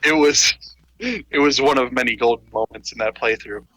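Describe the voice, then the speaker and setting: A man in a casual gaming podcast chat, telling an anecdote in a wry, halting way. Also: mid-range voice, pushed and bright, no room sound, rough recording.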